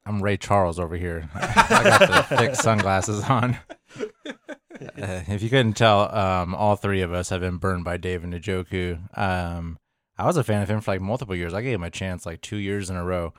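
Male co-host, very deep, easygoing joker, dry mic. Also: moderate pace, dry recording. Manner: easygoing, joking, hedges with fillers. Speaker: podcast co-host. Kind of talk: casual fantasy football chat.

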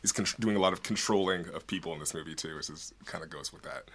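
Low, bright-voiced man chatting casually. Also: quick pace. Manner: rambling, peppered with "like". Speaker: podcast co-host. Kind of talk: casual film discussion.

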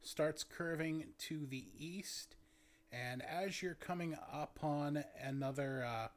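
A man narrating a tabletop game as game master, describing scenes in a halting, searching way. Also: fairly high pitch.

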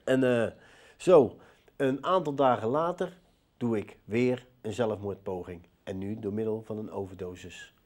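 A man giving a personal testimony in an interview, a lively storyteller who acts out the dialogue. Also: fairly low pitch, husky. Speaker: interview guest telling his life story.

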